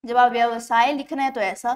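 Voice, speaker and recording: A woman teaching an exam-prep grammar lesson, explaining step by step and slowing down to spell words out syllable by syllable. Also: a little high, flat delivery. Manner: explains step by step, often checks in with the class.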